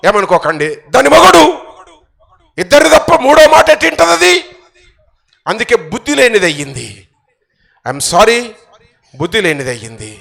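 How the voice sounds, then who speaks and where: Hoarse, gravelly male preacher; fervent sermon, bursts into shouts, repeats himself. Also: very high-pitched. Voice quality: strained voice. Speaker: pastor.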